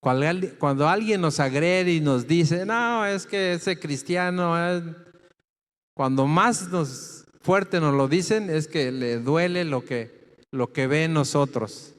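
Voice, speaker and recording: A pastor preaches slowly and deliberately, stressing each word and asking the congregation questions. His voice sits a little high for a man. Long reverb from the church hall trails behind him. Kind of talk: sermon.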